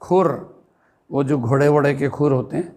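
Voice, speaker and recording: A man with an Indian accent teaching an English pronunciation lesson, pairing words and spelling them out letter by letter in a deliberate way. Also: medium pitch, flat delivery, a little mellow.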